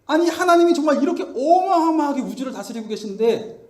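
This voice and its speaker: A man preaching a storytelling sermon, animated and full of rhetorical questions. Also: extremely high pitch, fast talker. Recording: echoey room.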